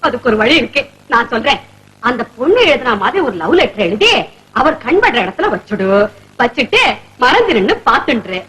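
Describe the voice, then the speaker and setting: A bossy busybody neighbor woman who schemes and gossips in a high, bright voice that leaps up and down. She talks in the theatrical, exclamatory manner of a 1970s film comedy. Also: big pitch swings, fairly quick, husky, full character voice, poor audio. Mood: scheming.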